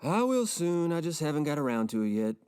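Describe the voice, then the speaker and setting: Actor as a dark-toned, deadpan, mopey rich man, audio comedy. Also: a little high, fairly quick, smooth. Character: gloomy rich man, self-pitying and rambling.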